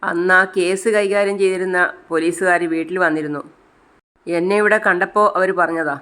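A narrator voicing a tearful young wife, read in a smooth, near-everyday voice. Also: medium pitch, fairly even intonation, moderate pace, bright, forceful tone, natural voice. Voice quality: speaks as if crying.

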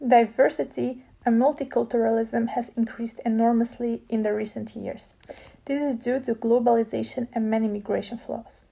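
A woman's voice: fairly high pitch, fairly even intonation, normal speed, vocal fry, dark tone, breathy edge. A young woman giving a class presentation to a close phone camera, earnest and reading with small slips. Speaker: student presenter.

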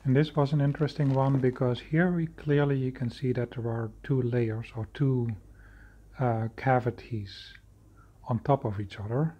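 A man narrating his own cave footage in an unscripted voice-over, slow and halting with many fillers and restarts. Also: mid-range voice, fairly even intonation, dark tone, slightly rough, highs cut off. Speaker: video creator exploring a cave.

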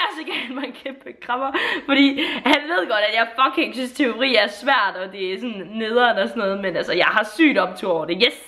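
A bubbly teenage woman from Jutland talks straight into a handheld camera at home. Her voice sits fairly high, and she gushes and tumbles through her thoughts with casual swearing and fillers. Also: a bit bright, reverberant. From Jutland, Denmark. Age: late teens. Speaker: YouTuber. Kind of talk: casual vlog talk.

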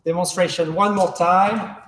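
Young guy coach doing crisp fencing commands, takes it slow, really echoey big room. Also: sits high, steady tone, a bit bright. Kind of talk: instructional footwork drill. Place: large indoor fencing hall. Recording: echoey hall, far from camera.

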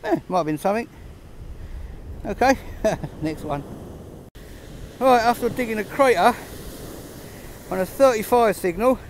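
A man talks through his finds on a pebble beach in a relaxed, understated way, with little chuckles as he goes. His voice sits a touch high. A faint outdoor hiss stays behind him on the handheld camera. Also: a little slow, pauses often. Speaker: metal detecting vlogger. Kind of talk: casual running commentary while detecting. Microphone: camera held close, filming his hands.

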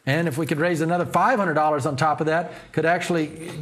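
He talks fast in a steady tone, his voice a little high and somewhat bright. The speaker is a pastor and TV host in his sixties, delivering an earnest, sermon-like appeal in an interview. It's captured on a lapel mic in a small TV studio dressed as a living room.

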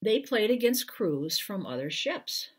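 Sitting indoors in a compact home living room, a husky-voiced author in her sixties or older gives a storytime read-aloud to camera. Her pitch is mid-range; she reads deliberately and expressively, pausing for short asides that explain things.

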